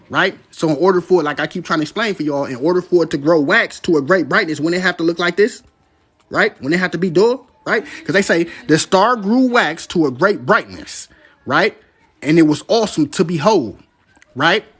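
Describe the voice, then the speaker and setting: On a casual livestream, a man with a fairly high, husky voice preaches about prophecy. He's preachy and excitable, swearing as he goes and asking "right?" over and over.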